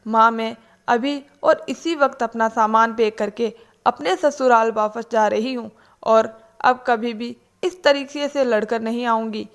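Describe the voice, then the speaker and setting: Woman reading an indignant young married daughter, insistent and reproachful, fairly high voice; storybook. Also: a little slow. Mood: remorseful.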